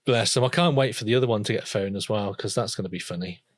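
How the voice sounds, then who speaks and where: Give me a podcast co-host who tells a story slowly and easily, full of ums. The voice sits at a middle pitch. The sound is dry and close, with no room in it. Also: no echo. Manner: relaxed, drawn-out storytelling with fillers. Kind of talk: casual chat.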